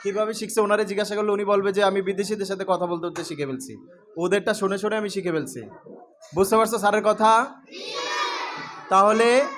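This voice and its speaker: A man teaching English to a room of schoolchildren, asking questions and calling out letters loudly. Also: high voice, slight background noise. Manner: calls out questions and drills the class, often loudly. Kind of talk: classroom lecture to students. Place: classroom with pupils.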